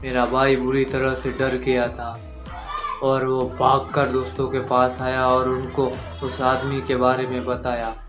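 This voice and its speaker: Slow, monotone male horror narrator. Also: mid-range voice. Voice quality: monotone, measured. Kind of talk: scripted first-person horror narration. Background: faint background music.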